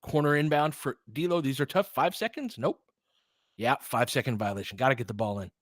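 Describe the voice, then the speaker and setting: A man calls a basketball game informally, play-by-play, openly cheering on the home team. His medium-pitched voice moves fairly quickly, recorded close and dry with no echo.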